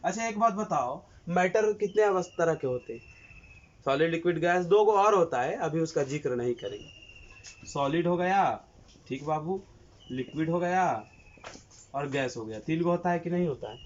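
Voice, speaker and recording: Coaxing teacher. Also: male voice, a little high, expressive, moderate pace. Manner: coaxing, repeats questions to students, calls them 'babu'. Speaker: engineering teacher. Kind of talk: classroom lecture dictating notes. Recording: dull lo-fi recording with faint hiss.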